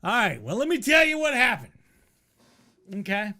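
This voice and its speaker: A man hosts a casual storytelling stream, reacting to a video and talking conversationally, with some swearing and repeating himself for emphasis. His voice is extremely high-pitched, wildly swooping, pushed and bright, at normal speed.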